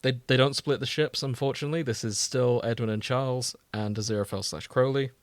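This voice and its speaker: A man co-hosting a podcast chats casually, reading fan fiction and riffing on the stories with dry, teasing humour. His mid-range voice moves fast with fairly even intonation, and there's no room sound.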